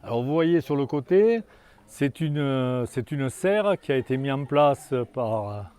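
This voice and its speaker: Older male guide, mellow low tone, outdoors, stop-start delivery. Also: animated, clean tone. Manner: halting, many restarts and fillers. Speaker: tour guide. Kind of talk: guided tour talk. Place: outdoors in a hamlet.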